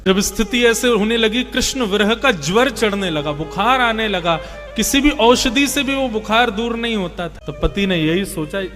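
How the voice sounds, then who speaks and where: A man tells a devotional story with expressive, reverent narration. His voice is high, and faint music plays underneath. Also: normal speed.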